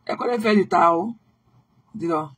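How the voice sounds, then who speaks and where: A woman's voice: on the low side, normal speed, fairly bright tone. A tired woman chatting casually to her viewers on a live stream, repeating herself and slipping English phrases into her talk.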